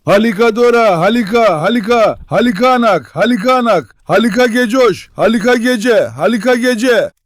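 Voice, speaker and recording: A man's voice: very high-pitched, animated, normal speed, hardly any pauses, slight background noise. A man vlogging casually from his backyard pool, coaxing and calling his dogs with affectionate talk to them and his viewers. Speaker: vlogger and dog owner.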